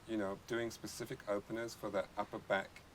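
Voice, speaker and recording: A man in conversation, posing halting questions about yoga practice and anatomy with frequent restarts. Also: fairly low pitch, level tone, slight background noise. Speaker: yoga teacher asking questions. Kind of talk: conversational interview.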